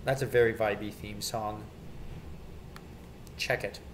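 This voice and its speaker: Slowly and with fairly even intonation, a man with a fairly low voice rambles in an opinionated, off-the-cuff video rant about children's TV theme songs, frequently going over the same points. The amateur home recording carries some background noise.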